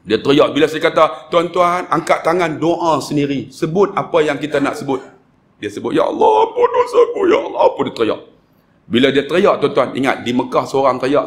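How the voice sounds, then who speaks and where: A Malaysian man preaching in a lecture hall, with a northern Malay accent, telling animated stories and acting out the voices in them. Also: mid-range voice, slight background noise. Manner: animated storyteller, acts out quoted voices. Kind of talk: sermon storytelling.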